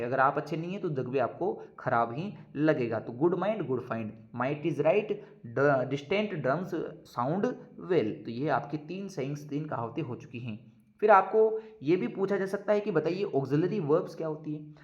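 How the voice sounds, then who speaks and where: A male teacher giving an exam-prep lesson, explaining each point in Hindi, repeating it, and slowly dictating English phrases. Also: fairly high pitch, lively intonation, fairly bright tone. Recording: dull lo-fi recording.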